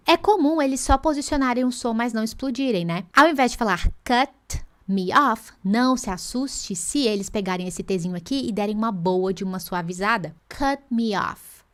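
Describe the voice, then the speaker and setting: A woman English teacher, giving an energetic, playful online lesson and acting out her students' voices. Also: a little high.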